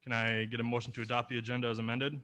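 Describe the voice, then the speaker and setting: Bright-voiced man chairing a board meeting. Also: medium pitch, little pitch movement, rapid-fire. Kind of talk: formal meeting procedure.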